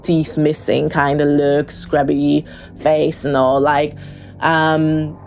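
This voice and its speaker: A Hungarian caller with a low, level, gravelly and slightly mellow voice leaves a slow voicemail recounting a true story. She's hesitant throughout, full of ums and restarts, and soft music plays in the background.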